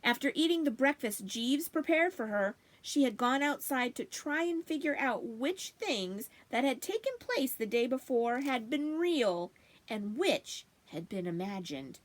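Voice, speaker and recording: In the style of a library storytime, a woman gives an expressive reading of a children's storybook. Her voice sits high and she takes her time.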